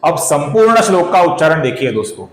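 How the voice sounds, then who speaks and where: Male spiritual teacher, earnest lesson delivery, drawn-out chanting, faint music bed. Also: fairly high pitch, animated, echoey room, low-quality recording. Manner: slow, drawn-out chanting of verse words; addresses viewers as friends, earnest explaining. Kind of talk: Sanskrit recitation lesson.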